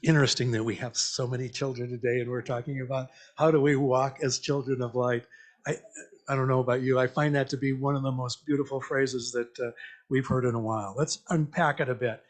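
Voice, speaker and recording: At a church meeting, a man with a mid-range voice speaks a bit fast with fairly even intonation, delivering an interactive message. He's reflective and conversational, asking the congregation questions and repeating their responses back.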